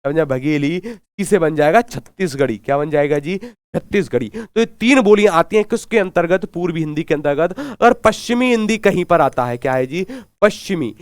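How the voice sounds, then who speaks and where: A man's voice: on the high side, animated, fairly quick, hardly any pauses, no echo. A man teaching a live online Hindi exam class, asking questions and repeating answers, urging viewers to comment. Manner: drills answers with repeated questions and call-backs.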